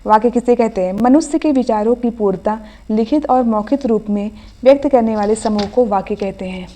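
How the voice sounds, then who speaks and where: A woman's voice: fairly high pitch, brisk, warm tone. A woman teaching an online exam revision class, reading out each question and then giving the answer. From India.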